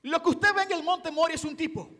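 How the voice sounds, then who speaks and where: A pastor in his forties preaching an evangelistic sermon in a church, moving between quiet storytelling and fervent preaching. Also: very high voice, fairly even intonation, brisk. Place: church sanctuary. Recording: long church hall reverb.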